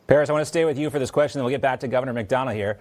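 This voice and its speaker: A man hosting a TV news segment, brisk and chatty as he moves between guests. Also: medium pitch, darkish tone. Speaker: news anchor.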